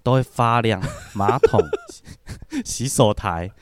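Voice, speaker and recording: A man's voice: mid-range voice, slow pace, slight background noise. A man, a podcast guest chatting casually and laughing often as he tells stories. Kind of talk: casual chat.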